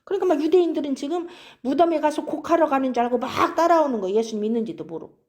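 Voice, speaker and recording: Animated woman preaching a sermon. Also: high voice, racing. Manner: animated, keeps prompting listeners with "응?". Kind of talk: expository sermon.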